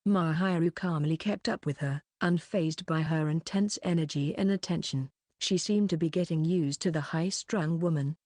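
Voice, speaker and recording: Low-voiced woman reading a light novel. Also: moderate pace, few pauses, darkish tone, no echo, clean studio sound. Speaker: audiobook reader.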